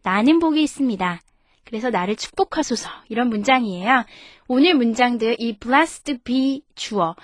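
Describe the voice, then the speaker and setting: A woman, an English teacher, reading a Bible story slowly in two languages, then explaining phrases in a friendly, careful way. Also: on the high side, expressive, dry recording, clean studio sound.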